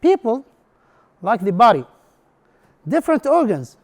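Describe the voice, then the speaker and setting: An Arabic-speaking man delivers a prepared presentation in non-native English as an instructor, posing questions to the audience in a room. His voice is very high-pitched and very animated, with a darkish tone and a slightly slow pace.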